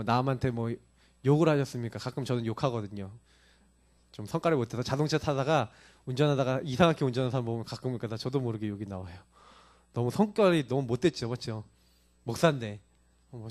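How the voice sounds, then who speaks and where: Male pastor, sermon; high voice, very animated pitch, keeps quizzing the congregation. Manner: animated preaching with many rhetorical questions to the congregation.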